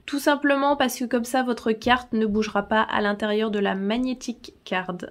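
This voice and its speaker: A woman hosting a casual tutorial vlog, chatty, laughing often and filling pauses with "euh". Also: on the high side, fairly even intonation. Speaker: channel host.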